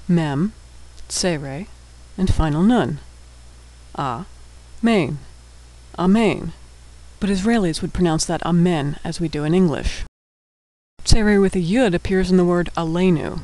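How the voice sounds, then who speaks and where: A man's voice: high voice, darkish tone, low-quality recording. A man walks through a recorded language lesson. He is patient and sounds out each word syllable by syllable, like a teacher at a whiteboard.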